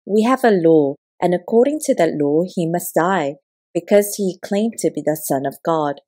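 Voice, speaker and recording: A woman reading the shouted lines of an angry crowd of male leaders in an audiobook, in a low, mellow voice. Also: lively intonation, normal speed. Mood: insistent.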